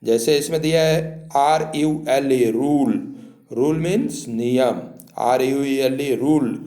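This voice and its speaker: A man's voice: mid-range voice, slow, warm tone. A man teaching a lesson, spelling words out letter by letter and repeating the rules. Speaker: English teacher. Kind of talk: spoken classroom lesson. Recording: echoey room.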